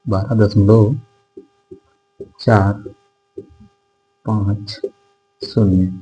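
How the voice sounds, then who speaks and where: Slow, mellow-voiced math teacher. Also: male voice, fairly low pitch, flat delivery, slightly rough, lo-fi sound. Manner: repetitive, checks in with "theek hai" constantly; dictates numbers slowly digit by digit. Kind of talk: classroom math lesson. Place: classroom with whiteboard.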